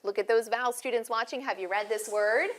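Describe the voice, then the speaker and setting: A woman teaching a first-grade phonics lesson in a classroom, speaking slowly and clearly with encouragement. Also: a little high, a little hiss or hum.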